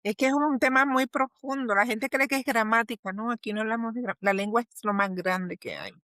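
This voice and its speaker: A woman explains her field as an interview guest, with a somewhat high voice. She teaches as she talks, piling up rhetorical questions. The recording is dry and close. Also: steady tone, brisk, fairly bright tone, dry recording. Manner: didactic, many rhetorical questions.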